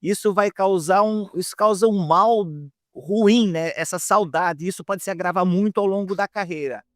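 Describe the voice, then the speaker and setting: Hesitant male interviewer, higher voice. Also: normal speed, dry recording, clean studio sound. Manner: many hesitations and restarts. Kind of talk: conversational interview.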